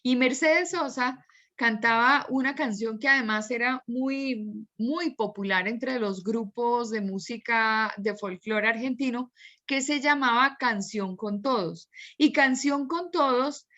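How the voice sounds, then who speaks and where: Bright-voiced woman teaching a class. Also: fairly high pitch, takes it slowly, muffled recording. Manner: explanatory, talks through examples at length. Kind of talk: online class lecture.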